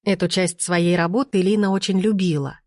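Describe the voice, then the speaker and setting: Woman narrating an audiobook, low and dry. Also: fairly even intonation, moderate pace, a little mellow, no echo. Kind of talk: audiobook reading.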